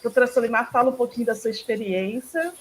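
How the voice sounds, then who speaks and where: A woman's voice: on the high side, fast talker, slight background noise, rough recording. Chatty Brazilian woman hosting an online talk. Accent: Brazilian Portuguese. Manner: chatty, frequent tag questions, laughs often. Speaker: host.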